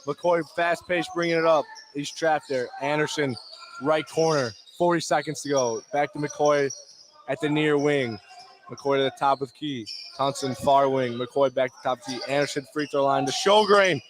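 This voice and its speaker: Basketballs bounce and game noise fills an indoor high school gym as a radio play-by-play announcer calls the action live. His voice is a little high and moderately paced, and he describes the play in short, clipped phrases.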